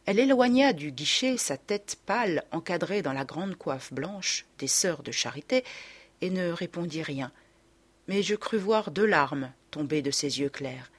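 A woman's voice: on the low side, breathy edge. A woman reading a classic novel aloud as an audiobook, narrating expressively in the first person. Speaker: audiobook reader.

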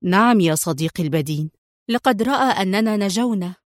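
A woman voicing a cool male secret-agent hero in a spy audiobook, speaking calmly with dry mockery. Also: medium pitch, a little fast, no echo, lightly acted. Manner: calm, dryly mocking.

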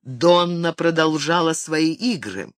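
A narrator reading a novel aloud in a dramatic, shifting way. The voice sits at a middle pitch and sounds close and dry, with no room echo. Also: lively intonation, slow pace. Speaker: audiobook narrator.

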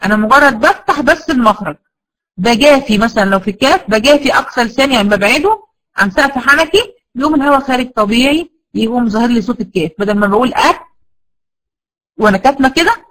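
A woman's voice: on the high side, lively intonation, fast talker, a bit bright, poor audio. A woman with an Egyptian accent teaching Quran recitation in an explanatory lesson. She models sounds by repeating short syllables and asks her students rhetorical questions.

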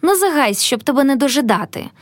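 A tender, coaxing young gentleman from a storybook, read out by a woman. He pleads softly and kindly, with a lively, high-set delivery. The sound is dry and close. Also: fairly quick, no room sound. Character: kind young male landowner, gentle and pleading.

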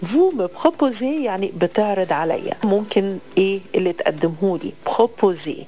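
A woman with an Egyptian Arabic accent gives a radio French lesson. She repeats each French phrase slowly and spells words out letter by letter. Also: medium pitch, animated, warm tone. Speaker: French language teacher.

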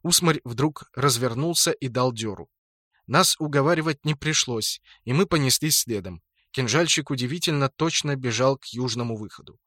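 A man narrating a first-person game adventure audiobook in lively scripted narration. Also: medium pitch, moderate pace, no room sound, clean studio sound.

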